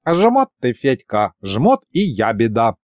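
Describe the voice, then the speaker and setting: A man's voice: mid-range voice, wildly swooping pitch, takes it slowly, no room sound. A man voicing a scheming old male wizard who is a skeleton, wheedling and whining.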